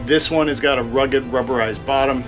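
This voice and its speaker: A man's voice: mid-range voice, fairly even intonation, moderate pace, poor audio. A man giving a casual hands-on review of diving equipment, explaining it as a gear reviewer. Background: guitar music.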